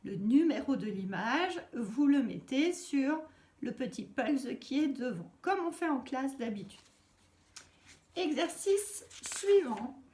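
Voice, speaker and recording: Slow, patient woman teacher. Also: high-pitched, sing-song, darkish tone. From France. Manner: slow, patient, clearly spelling out each step. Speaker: primary school teacher. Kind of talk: recorded lesson instructions for young children.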